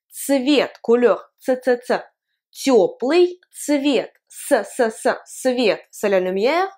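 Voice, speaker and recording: A woman with Russian as her first language, teaching a lesson in French and repeating example words slowly and carefully. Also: on the high side, a little mellow.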